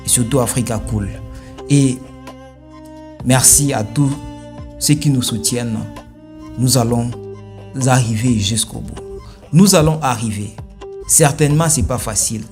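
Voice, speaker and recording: Male commentary host, emphatic and rhetorical, punchy delivery, faint music bed underneath. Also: medium pitch. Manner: emphatic, rhetorical, rising to forceful peaks. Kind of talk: opinionated commentary.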